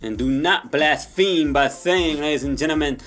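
A man preaching an impassioned sermon, emphatic and repetitive, who sometimes slips into soft prayer in Spanish. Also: a little high, moderate pace, soft background music.

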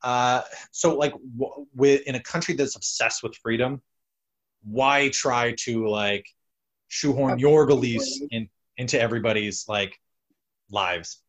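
A man's voice: mid-range voice, measured pace. A man hosting a casual chat, rambling and swearing, with lots of fillers. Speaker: podcast host.

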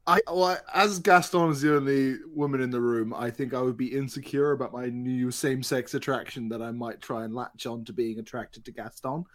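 A man playing in a tabletop role-play, joking and playful in quick asides. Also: medium pitch, fairly even intonation. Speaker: player.

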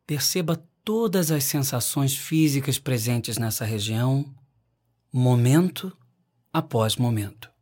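A man narrating a scripted guided meditation in a calm, unhurried way with long pauses. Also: mid-range voice.

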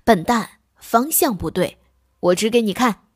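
A woman's voice: fairly high pitch, lively intonation, a little slow, no room sound. A woman voicing a proud, boastful grown male wolf in a children's story, lecturing in a show-offy, impatient way.

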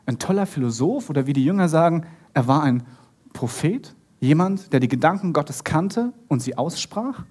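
Preacher, lively sermon, very animated pitch, acts out characters, speaks to the listener. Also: normal speed, husky. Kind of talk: lively sermon retelling a Bible story.

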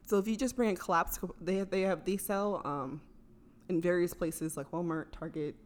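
Woman, lowish voice, casual podcast chat, explains travel hacks, laughs a lot. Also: normal speed. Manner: chatty, explanatory, laughs often. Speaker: podcast co-host.

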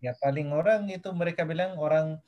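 Young man, halting speech. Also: a little high, highs cut off. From Nepal. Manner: halting, hesitant, mixing in English phrases. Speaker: guest. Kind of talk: casual interview chat.

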